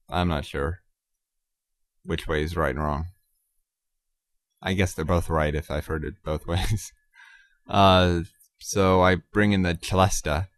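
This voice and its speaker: A man hosting his own podcast, talking casually and haltingly about composing, with many ums and self-corrections. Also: deep voice, dry recording, studio quality. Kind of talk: casual solo talk about his music.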